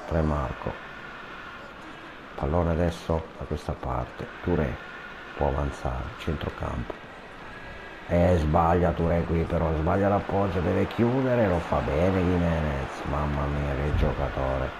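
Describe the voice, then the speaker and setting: A man with a low voice commentates a football video game he is playing. His delivery is slow and casual, with excited name-calling as attacks build. The recording has clear background noise. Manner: rising excited goal-attack commentary, repeating player names. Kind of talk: amateur football match commentary in casual asides. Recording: clearly noisy home recording.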